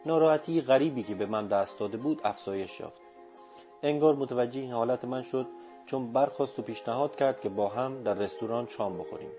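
A man narrating an audiobook in the first person, with measured, reflective storytelling. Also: medium pitch, dark tone.

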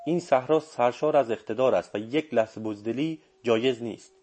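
A man's voice: medium pitch, a little mellow, soft background music, natural voice. A man reading the lines of a teasing, commanding old male sorcerer in an audiobook, firm and full of authority.

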